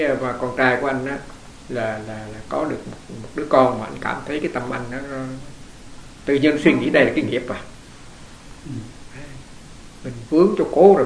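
Gravelly monk preaching. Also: male voice, medium pitch, a little fast. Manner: conversational, storytelling, asks the audience questions. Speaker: Buddhist monk teacher. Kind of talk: dharma talk answering questions. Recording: echoey room with faint hiss.

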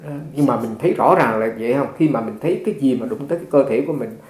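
A man's voice: mid-range voice, racing. A man, a Buddhist monk, giving a conversational dharma talk full of stories and repeated words. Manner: conversational, repeats words, animated when retelling. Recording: echoey room.

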